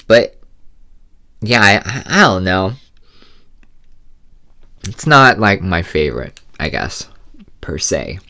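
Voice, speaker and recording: A man's voice: deep voice, clean tone. Rambling young man chatting while eating. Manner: relaxed, rambling, hesitant with many fillers. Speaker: mukbang vlogger. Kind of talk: casual chat while eating. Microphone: close mic, loud for ASMR.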